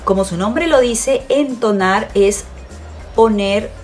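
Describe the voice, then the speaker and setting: A woman hosting a voice and communication lesson, speaking in a clear, didactic way after warm greetings. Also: medium pitch, slow, faint music behind. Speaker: voice coach host. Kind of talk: scripted educational presentation.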